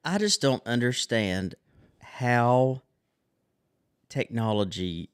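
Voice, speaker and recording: A man co-hosting a talk show, jumping in with short asides and quick agreement. His pitch swings widely as he speaks, giving his lines an animated lilt. His voice sits at a middle pitch overall. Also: clean tone. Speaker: podcast co-host. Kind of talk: casual panel chat.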